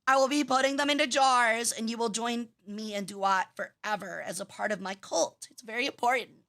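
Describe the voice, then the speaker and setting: A woman's voice: on the high side, normal speed, fairly bright tone. A woman livestreamer chatting to her viewers in a playful, cutesy anime-streamer manner.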